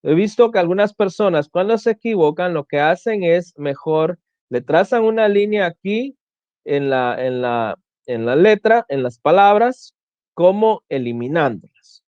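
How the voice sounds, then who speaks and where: A man lectures a class at an unhurried, deliberate pace, his voice sitting a little high for a man. He explains step by step and often circles back to restart a phrase. The sound is dry and somewhat dull and lo-fi. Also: lively intonation, darkish tone, no echo. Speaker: teacher.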